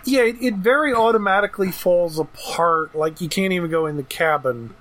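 A man co-hosting a podcast in casual chat, talking in a lively way and often restarting his words. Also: sits high, brisk. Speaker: podcast co-host.

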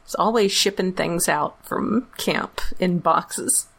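A woman's voice: lowish voice, slow pace, gravelly, a bit bright, husky. A woman co-hosting a podcast in casual chat, making wry, teasing quips. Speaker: podcast co-host.

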